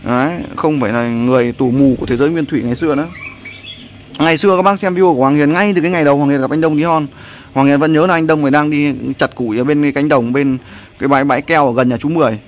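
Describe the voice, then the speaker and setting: A man's voice: on the high side, racing, slight background noise. Rambling man vlogging. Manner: rambling, repeats "there" often, coaching someone. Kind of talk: casual vlog narration and instructions.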